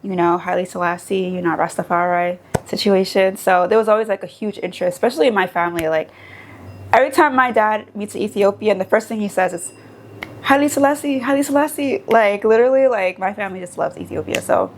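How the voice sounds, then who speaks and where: A young American woman chatting in a casual vlog. She talks in an animated, rambling way and fills her sentences with fillers. Her pitch sits in the middle range. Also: fast talker, a little hiss or hum. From United States. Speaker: vlogger. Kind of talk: casual chat.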